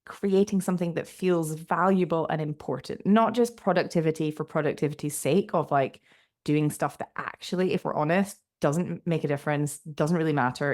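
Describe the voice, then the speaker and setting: A woman's voice: low voice, a little mellow. A woman hosting her own podcast, talking in a chatty, upbeat way with lots of filler words. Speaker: podcast host. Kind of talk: casual solo podcast chat.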